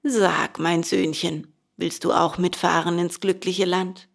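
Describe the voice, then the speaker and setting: Woman doing a sweet sly little coachman, soft and wheedly, slow. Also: lowish voice, flat delivery, vocal fry, husky, full character voice. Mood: wheedling.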